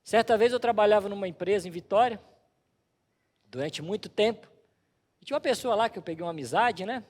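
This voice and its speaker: High-voiced emphatic male pastor. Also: brisk, long pauses. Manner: storytelling, emphatic. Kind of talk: sermon. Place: church. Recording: reverberant church hall.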